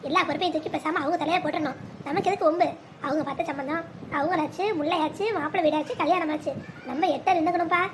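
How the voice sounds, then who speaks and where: A woman doing a fretful scheming auntie, high and quick. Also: steady tone, slight background noise, lightly acted. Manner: fretful muttering to herself. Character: scheming middle-aged woman, gossiping with herself. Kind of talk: animated family drama voicing.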